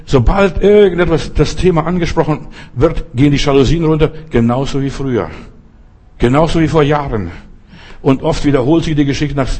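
Older guy pastor preaching, husky voice, slows way down to hammer points home. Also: mid-range voice, mellow. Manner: preaching with slow emphatic repetitions. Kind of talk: sermon.

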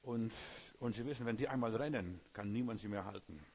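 This male preacher gives an emphatic sermon, addressing listeners directly and often asking "you know?" to check they understand. His voice runs on the low side, brisk, a little mellow and slightly rough.

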